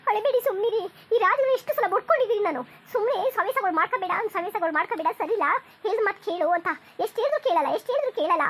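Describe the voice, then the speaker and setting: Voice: extremely high pitch, expressive, rapid-fire, few pauses, a bit bright, slight background noise. A cartoon voice of a young village daughter-in-law, pleading and repeating herself. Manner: pleading, repetitive.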